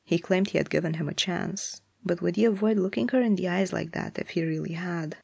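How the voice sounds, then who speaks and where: A narrator reading a story aloud in a measured, even way. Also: medium pitch, creaky, husky, no echo.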